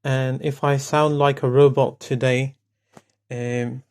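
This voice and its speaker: Guy teaching networking on a webcam mic, slow and rambly, lots of ums, middle-pitched voice. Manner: relaxed, rambling, many fillers. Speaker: networking instructor. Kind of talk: casual video lesson. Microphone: webcam mic, no headphones.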